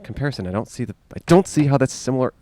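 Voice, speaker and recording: A man's voice: mid-range voice, lively intonation, racing, noisy background. A man hosting a podcast outdoors, chatting in a playful, jokey way and reading an ad. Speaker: podcast host. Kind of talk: casual chat and ad read. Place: outdoors on a college campus.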